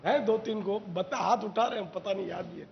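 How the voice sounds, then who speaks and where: A man from Pakistan, a religious scholar hosting a TV talk show, explaining words in an unhurried, quizzing way. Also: high-pitched, creaky, lo-fi sound, slight background noise.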